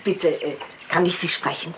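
A woman's voice: lowish voice, steady tone, normal speed, a little hiss or hum, lightly acted. A woman playing a curious, courteous seventy-year-old lady sleuth in a German audio drama, politely probing. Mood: curious, insistent.

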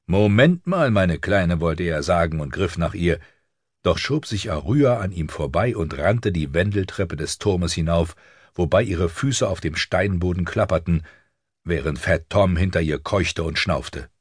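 Male audiobook narrator, very low husky voice, dry studio sound. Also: no echo. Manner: measured, even storytelling. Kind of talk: scripted narration. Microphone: studio microphone.

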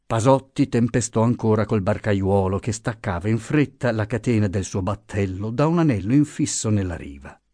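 A man narrating a classic novel as an audiobook, reading in an expressive, theatrical way. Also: on the low side, normal speed, no room sound, studio quality. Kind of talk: scripted literary narration.

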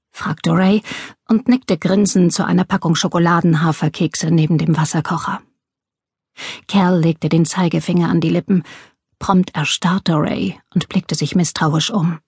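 A woman reading a crime novel aloud in steady, measured audiobook narration. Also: fairly low pitch, slightly rough, no room sound, clean studio sound.

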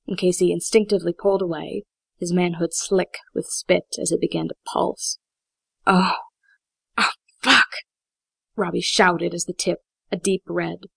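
A woman narrates an audiobook in a steady, measured read. Her voice sits a little low and is full of crackling, gravelly fry. The sound is close and completely dry. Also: no room sound. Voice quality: heavy vocal fry.

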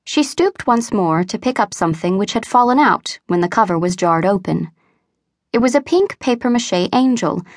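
A woman reads a classic storybook aloud in an even, mid-pitched voice, measured and expressive. The recording is close and dry, like a booth. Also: no room sound. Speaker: audiobook narrator. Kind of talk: scripted storybook narration.

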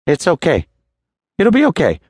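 A man voicing Charlie, a tense man whose pinched, tight voice rises as he coaxes someone to calm down. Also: sits low, takes it slowly, breathy edge, no room sound, studio quality, exaggerated voice. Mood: coaxing.

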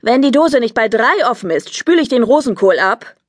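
Scatterbrained storybook mom, brisk and excitable, a bit higher, woman reading it. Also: no room sound, studio quality. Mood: flustered. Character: flustered mother, bossy and dramatic. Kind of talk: children's audiobook reading.

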